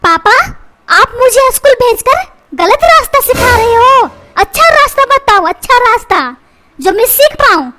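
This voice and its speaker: A woman's voice: very high-pitched, very animated, unhurried, very noisy, heavily acted. A woman voicing a lazy, stubborn cartoon schoolboy who whines and talks back. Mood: cheeky. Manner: whiny, cheeky backtalk. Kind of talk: cartoon dubbing. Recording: loud background music. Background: loud music.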